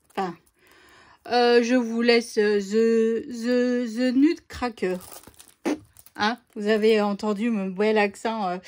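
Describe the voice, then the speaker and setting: A woman casually presenting craft papers to her viewers in a chatty unboxing video, often hesitating with fillers as she talks. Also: a little high. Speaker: scrapbooking vlogger showing craft papers.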